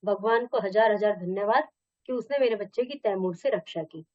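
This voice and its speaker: A woman's voice: mid-range voice, normal speed, no echo, close to an everyday voice. A woman reading the lines of a loving, anxious village mother from a textbook story, in a dull, dry recording. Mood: tender. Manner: reading dialogue aloud from a textbook.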